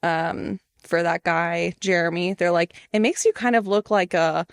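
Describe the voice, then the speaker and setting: A woman's voice: on the low side, a little slow, no room sound. A woman hosting a podcast in casual chat, dry and teasing, laughing along. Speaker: podcast host.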